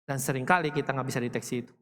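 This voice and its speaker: A man's voice: mid-range voice, steady tone, very fast, a bit bright. A male pastor preaching a sermon in a conversational way, telling personal stories and acting out quoted remarks. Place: large church hall. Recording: long church hall reverb.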